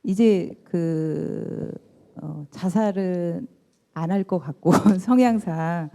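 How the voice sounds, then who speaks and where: A woman in the audience puts her question to a monk. She talks slowly and haltingly, with pauses and fillers. Her voice is low and mellow. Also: vocal fry. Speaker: audience member asking for advice.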